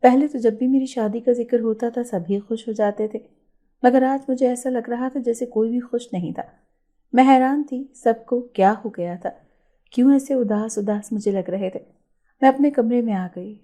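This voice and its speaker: A woman calmly narrating a first-person story, reading the dialogue in her own even voice. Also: on the high side.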